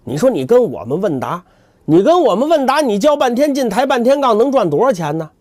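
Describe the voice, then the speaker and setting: A man's voice: fairly high pitch, very animated, brisk, mellow, breathy edge, no room sound, clean studio sound. A man voicing a brash, money-minded sweeper monk in a traditional tale, hectoring colloquially with rhetorical questions. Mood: scornful.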